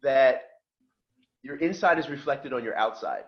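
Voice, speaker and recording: A middle-aged man from just outside Philadelphia tells his life story as a podcast guest, chatting casually and acting out the voices of people in it like a lively storyteller. His voice is mid-range and unhurried, and the sound is lo-fi.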